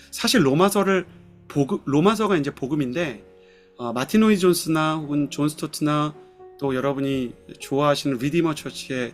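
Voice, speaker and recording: Earnest male pastor over soft guitar. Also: on the high side. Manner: earnest storytelling, asks the listeners questions. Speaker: pastor of a young adult group. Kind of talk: sermon over video call. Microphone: video call microphone.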